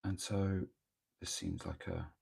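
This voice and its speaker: Early in the morning at his home workspace, a miniature painter streams live and chats casually with viewers while he works, his very low, gravelly voice croaky and husky from a cold. He rambles hesitantly, pausing and restarting, yet sounds very animated, with a darkish tone. The microphone sits close to him.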